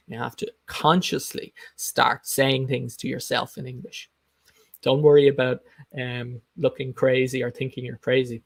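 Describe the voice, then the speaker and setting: A man's voice: medium pitch, gravelly, no echo. A man coaching English learners in an informal live lesson, explaining in an emphatic, instructive way and repeating his key points. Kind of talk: informal live teaching talk, explaining and answering comments.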